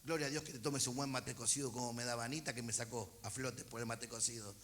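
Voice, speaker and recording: A man's voice: medium pitch, steady tone, quick pace, a bit bright. A man with a Rioplatense Argentine accent preaching a sermon, reading scripture aloud and calling out to his congregation with chatty asides. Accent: Rioplatense Argentine Spanish. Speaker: pastor. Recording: church service.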